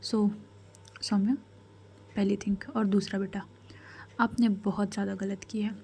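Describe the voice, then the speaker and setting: A woman voicing a calm, commanding royal grandmother who gives measured, firm advice. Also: mid-range voice, natural voice. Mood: firm counsel.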